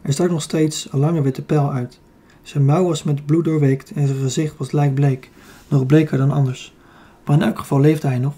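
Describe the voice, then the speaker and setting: Male Dutch audiobook narrator, mellow and slightly husky, even measured reading with small slips. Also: a little high. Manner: steady reading with occasional slips and self-corrections. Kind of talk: scripted narration of a children's fantasy book.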